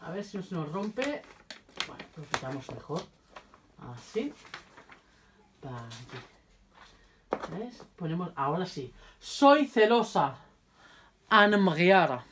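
A woman giving a casual video lesson, repeating phrases carefully for viewers and chatting in quick asides while she handles her cards. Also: fairly low pitch, sing-song, noisy background. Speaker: language teacher.

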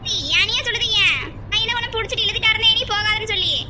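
A woman's voice: extremely high pitch, very fast, bright, forceful tone, a faint crowd, a little hiss or hum, exaggerated voice. A woman voicing a bossy elder sister who nags and scolds, with a southern Tamil accent. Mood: scolding. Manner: scolding, nagging. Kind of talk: cartoon voice acting.

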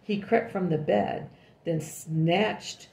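An older woman reading a picture book aloud to a child, often pausing to comment and ask questions. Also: on the low side, gravelly, a little mellow. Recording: echoey room.

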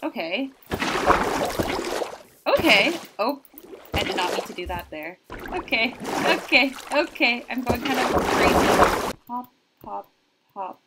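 A woman in her twenties giving casual, excitable gameplay commentary, talking herself through her moves. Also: a little high, slow pace, pauses often. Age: 20s. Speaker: gamer and streamer. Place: bedroom, indoors. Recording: clear background noise with clicking.

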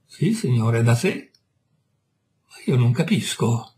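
A man's voice: mid-range voice, big pitch swings, slow pace, darkish tone. A man reading aloud, voicing a bewildered middle-aged café owner who stammers and turns defensive.

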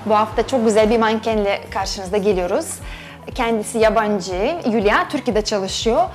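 A woman's voice: medium pitch, moderate pace, soft background music. A middle-aged woman with a foreign accent hosts a casual interview in slightly broken, non-native Turkish. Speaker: talk show host. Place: TV studio. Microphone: lapel mic.

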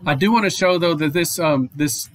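A male chemistry professor giving a recorded online lecture, explaining at a steady pace with fillers, restarts and "okay?" checks. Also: on the high side, moderate pace, a little hiss or hum. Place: home or office, online lecture.

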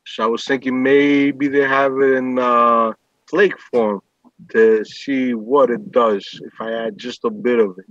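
A middle-aged man with a New York accent chatting casually on a video call, thinking aloud in halting phrases. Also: medium pitch, fairly even intonation, a bit bright, no echo. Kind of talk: casual chat. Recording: dull lo-fi video-call audio.

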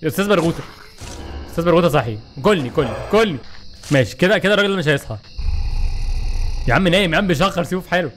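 Rapid-fire Egyptian gamer man. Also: high-pitched, soft background music. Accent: Egyptian Arabic. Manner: excitable, joking, talks back to the game. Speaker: gaming YouTuber. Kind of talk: let's play commentary.

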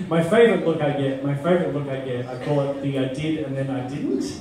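A middle-aged Australian woman performs a stand-up set on a comedy club stage before a live audience, deadpan and halting with many ums. Her very deep voice comes through a handheld mic, filmed from far in the crowd in an echoey room, with audience laughter and slight background noise.

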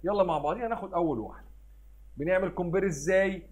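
A man with a somewhat high voice and an Egyptian Arabic accent, teaching a recorded math lesson for children. He keeps asking questions and answering them himself, and he drops English math terms into his Arabic. He reads long numbers out slowly and deliberately.

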